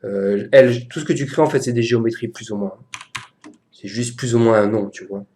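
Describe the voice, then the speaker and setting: A man with a French accent giving a casual, chatty software tutorial to a friend, hesitant and full of fillers. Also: mid-range voice, fairly even intonation, brisk, a little hiss or hum.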